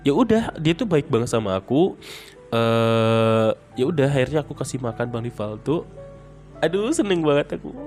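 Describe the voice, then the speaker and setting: A man's voice: medium pitch, very animated, normal speed, darkish tone. Young male storyteller, chatty and rambling, faint music underneath. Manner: chatty, rambling, many fillers. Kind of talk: casual personal storytelling.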